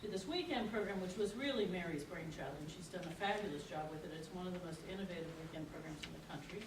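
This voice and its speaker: An older woman gives an informal orientation talk with a folksy, rambling manner. Her voice is lowish and quick, picked up from a distance with clear noise. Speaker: program faculty speaker. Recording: distant mic, echoey room, noisy.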